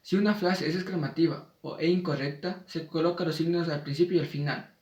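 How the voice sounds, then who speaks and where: Man, spelling lesson read aloud, measured and slowing for examples, higher voice, echoey room, a bit off the mic. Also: darkish tone, far from the mic, muffled recording.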